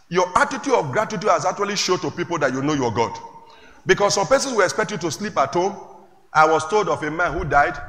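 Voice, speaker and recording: A pastor delivers a sermon in a big reverberant church hall, his voice bright and sharp against a faint hum of room noise. He preaches in call-and-response, throwing questions at the congregation and climbing into shouts. His voice sits a little high for a man.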